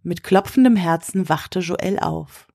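A woman reading a story aloud in a measured storytelling manner. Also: lowish voice, vocal fry, warm tone, no echo, studio quality. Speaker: narrator. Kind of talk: scripted narration.

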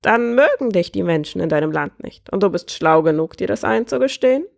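A woman voicing a croaking, joke-loving male bird prince in a storybook reading, with a cheerful, joking manner. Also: mid-range voice, lively intonation, brisk. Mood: jokey. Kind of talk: storybook character voice.

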